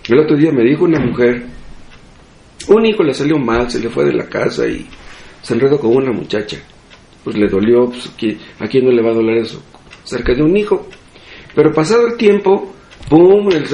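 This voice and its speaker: A man's voice: mid-range voice, warm tone, echoey room. A man with a Mexican Spanish accent preaching a sermon as pastor, asking rhetorical questions and repeating phrases for emphasis. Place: church hall.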